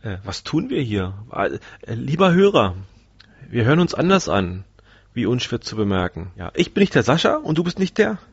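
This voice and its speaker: Man with a morphed, lively gravelly voice. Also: medium pitch, moderate pace, no room sound, highs cut off. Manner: dry, teasing banter. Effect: voice morphing filter. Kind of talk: casual podcast chat.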